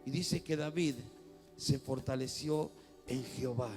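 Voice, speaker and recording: A man's voice: mid-range voice, unhurried, music in the background. A man with a Rioplatense accent preaching a sermon as pastor in a church, talking conversationally and building to fervent swells. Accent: Rioplatense Spanish.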